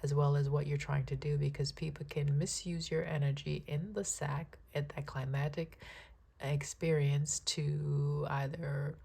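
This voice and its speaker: Low and a little slow, this woman's raspy, froggy early-morning voice carries a spiritual tarot reading woven with spoken prayers. As a tarot reader, she stays calm and soft-spoken, frequently checking in with her listeners.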